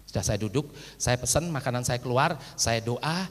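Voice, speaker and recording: Loud preaching man in an echoey hall. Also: mid-range voice, normal speed. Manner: loud, forceful preaching, says he preaches loudly; storytelling with acted quotes, addresses listeners as brothers and sisters. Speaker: pastor. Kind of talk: sermon. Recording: echoey long-reverb hall, old sermon recording.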